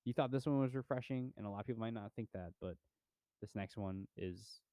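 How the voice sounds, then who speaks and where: On a podcast, a young co-host talks movies in a laid-back, rambling way, leaning on lots of fillers. His fairly low voice is mellow and a little fast. The recording is dry.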